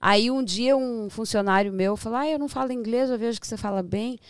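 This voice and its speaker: A woman from Brazil with a Brazilian Portuguese accent, a podcast guest telling stories in a lively, animated way. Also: fairly high pitch, a little fast, clean tone, dry recording. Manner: lively storyteller who acts out voices and laughs often. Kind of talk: casual storytelling chat. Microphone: studio podcast mic.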